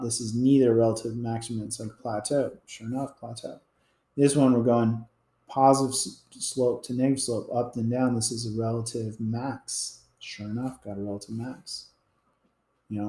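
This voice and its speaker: With a creaky, mid-range voice, a man teaches calculus at a board in a casual, explanatory way. Each point fades off quietly as he finishes it, and the classroom gives a roomy echo.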